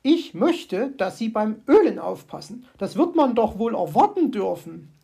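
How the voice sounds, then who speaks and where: Brief: a woman doing a fussy magpie lady, high, huffy and scolding, husky and gravelly. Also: big pitch swings, measured pace, mellow, full character voice. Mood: indignant. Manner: indignant, scolding, shrill outbursts. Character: prim, touchy female magpie lady.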